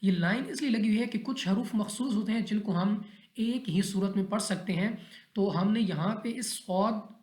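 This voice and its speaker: A man's voice: sits high, normal speed, darkish tone. A man teaching Quran recitation rules step by step in a methodical, repetitive way, often checking in with his listeners. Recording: echoey roomy recording.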